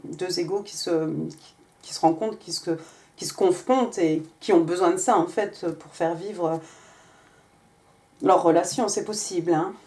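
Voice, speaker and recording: A woman's voice: on the low side, normal speed, a little mellow. A woman giving a casual tarot reading, talking with many hesitations and restarts. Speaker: tarot reader.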